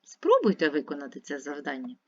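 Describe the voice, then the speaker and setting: Lively husky-voiced woman teacher. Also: low voice, dull audio. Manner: slow, careful, repeats words clearly for children. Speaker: primary school teacher. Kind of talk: recorded video lesson for young pupils.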